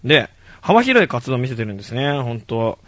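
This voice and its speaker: A man co-hosting a casual podcast chat, excitable and quick to laugh as he jokes with his friends. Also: medium pitch, dry recording. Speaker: podcast co-host. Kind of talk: casual chat about an anime concert.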